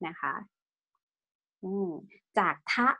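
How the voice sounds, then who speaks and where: In an online language lesson, a woman patiently questions her students and drills their pronunciation, tacking polite particles onto every phrase as tag questions. She speaks very slowly in a bright, forceful tone.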